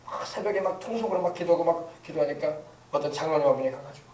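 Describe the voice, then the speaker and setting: In a church sanctuary that rings with echo, a middle-aged male pastor with a high-pitched voice preaches a rapid-fire sermon. He's folksy and joking, slipping into impressions of grumbling elders, with a darkish tone. He sounds a little distant from the mic, with a little hiss or hum.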